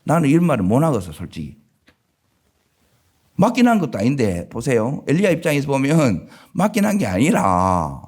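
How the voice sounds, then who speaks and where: A man with a Gyeongsang Korean accent preaches a sermon from the pulpit of a church. His husky voice leaps wildly up and down in pitch as he drops from loud emphasis into low murmured asides. He keeps throwing questions out to the congregation. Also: wildly swooping pitch, normal speed. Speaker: pastor. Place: church sanctuary.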